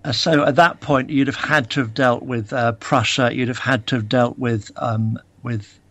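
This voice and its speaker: A man in a mid-pitched voice speaks as a guest historian on a radio show. He answers calmly and knowledgeably, with a touch of dry humour, and the recording is close and dry. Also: moderate pace, dry recording, dull audio. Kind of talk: casual interview answers.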